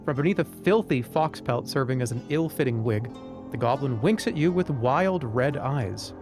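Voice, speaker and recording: A man's voice: mid-range voice, animated, moderate pace, over music, lightly acted. A man reading scripted narration as an earnest storybook narrator of a fantasy adventure game. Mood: dramatic. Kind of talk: scripted narration read aloud.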